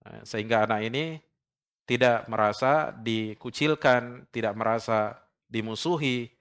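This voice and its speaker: A male preacher giving a measured religious study lecture, punctuating his points with affirming tags. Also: medium pitch, fairly bright tone, clean tone. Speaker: Islamic preacher. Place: prayer room.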